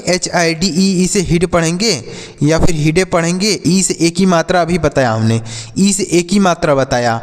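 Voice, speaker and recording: A man teaching English pronunciation to children in a slow, repetitive way, spelling words out letter by letter. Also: a little high, in a large hall.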